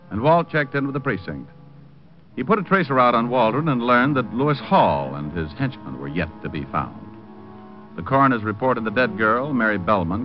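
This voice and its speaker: A man plays a hardboiled American detective in a vintage radio drama, pitched low, wry and clipped. The recording is muffled, with music behind. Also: natural voice. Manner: wry, clipped, matter-of-fact. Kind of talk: 1940s-50s radio drama, first-person detective narration.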